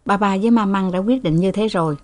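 Woman doing a grumpy sleepy dad, scolding, bit higher than her own voice, audiobook. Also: brisk, darkish tone, lightly acted. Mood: coaxing. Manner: scolding, curt. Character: irritable sleepy wealthy father.

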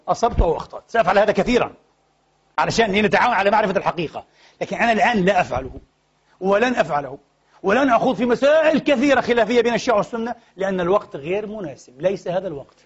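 Male preacher, husky voice, fast and high-pitched delivery, dull lo-fi recording. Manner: impassioned, rising to exclamations; mixes formal Arabic with colloquial Levantine phrases. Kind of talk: Friday sermon. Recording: dull lo-fi MP3 sermon recording.

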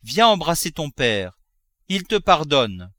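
A gentle, devout older wife , read by a man pleads with emotion in a lively, rising voice. The reading is close and dry, with no room sound. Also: a little high, slow, dry recording, pitched above the performer's own voice, exaggerated voice. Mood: overjoyed. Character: pious, timid older wife pleading for mercy.

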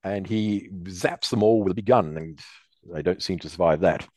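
A man hosting a podcast, recapping a cartoon episode in lively storytelling. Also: sits low, moderate pace, no room sound. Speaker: podcast host.

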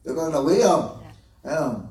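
A man's voice: on the high side, very animated, normal speed, a little mellow. A man, a monk, teaching disciples in a folksy, teasing way and acting out little dialogues. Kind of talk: dharma talk to disciples. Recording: echoey room from far off.

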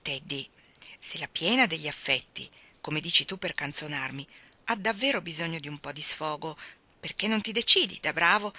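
A woman's voice: lowish voice, bright, forceful tone. A woman reading the lines of a frank young woman in a storybook audiobook, earnest and mildly scolding.

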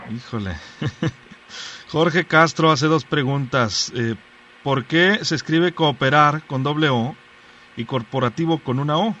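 A man's voice: on the high side, takes it slowly, sharp tone. A man with a Mexican Spanish accent hosting a radio show, easygoing as he reads out listener questions and chimes in. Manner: easygoing, laughs and interjects. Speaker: radio host. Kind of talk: casual radio chat, reading listener questions. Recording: dull radio sound, mic at a distance, faint noise.

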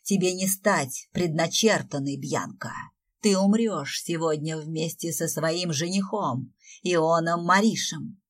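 A woman's voice: low voice, slow. A woman voicing a scheming witch stepmother with a sweet, hissing voice in an audiobook. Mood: menacing. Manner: honeyed then hissing.

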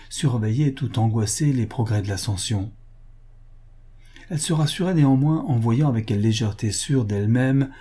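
A man giving a steady, measured scripted narration of a classic novel as an audiobook reader. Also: medium pitch, breathy edge.

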